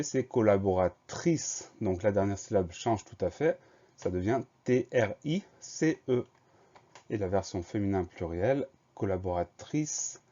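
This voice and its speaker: A man with a lowish voice teaches a spelling lesson, patiently walking through each rule. He spells words out slowly, letter by letter. The recording sounds dull and lo-fi. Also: mellow.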